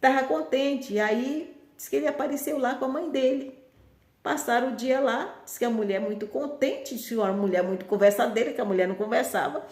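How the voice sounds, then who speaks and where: A woman's voice: a little high, fairly quick, darkish tone. Brief: female storyteller, conversational and meandering, recorded in a roomy, echoing space. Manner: rambling, conversational with frequent restarts. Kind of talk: casual folk-tale storytelling. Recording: roomy echo.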